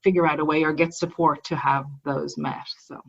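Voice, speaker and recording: An Irish woman, a psychologist and mindfulness teacher appearing as a guest on a podcast, explains her work in a reflective, conversational interview. Her voice sits low and is gravelly with a breathy edge, steady and moderately paced. The audio is dull.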